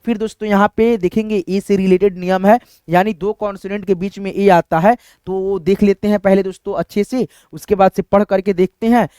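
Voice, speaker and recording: A man's voice: high voice, fairly even intonation, brisk, few pauses, warm tone, smooth, no echo, studio quality. A male teacher giving a step-by-step phonics lesson, asking questions and answering them himself and checking in with his students often. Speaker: English teacher.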